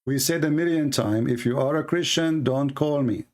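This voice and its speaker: A man of mid-range pitch speaking at normal speed hosts a live call-in debate stream. He gets into a heated argument, combative and sarcastic, in fluent English whose grammar shows he isn't a native speaker.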